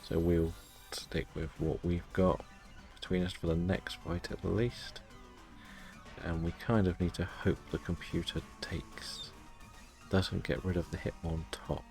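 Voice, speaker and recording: A man casually commentating on his game stream and chatting to viewers in a low-key, resigned, self-deprecating way. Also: level tone, measured pace, gravelly, darkish tone, faint music behind. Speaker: live-streaming gamer.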